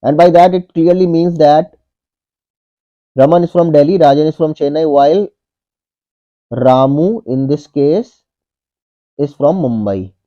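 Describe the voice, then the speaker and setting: A man in his thirties, an online tutor, walks through a logic puzzle on a whiteboard step by step, repeating each point and saying "okay" a lot. His voice is fairly high, his pace measured with long pauses, and the lo-fi audio sounds dull.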